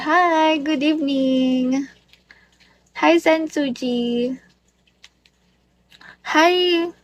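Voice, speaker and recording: High-voiced Filipino woman chatting slowly on a live stream. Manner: switches between Tagalog and English, playful and teasing. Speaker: livestreamer. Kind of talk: casual live stream chat greeting viewers.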